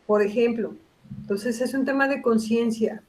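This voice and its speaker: A middle-aged woman talks as a guest psychologist on a casual podcast. She is reflective and explains her ideas through examples and quoted dialogue, in a slightly high voice. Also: fairly even intonation, normal speed, a little mellow.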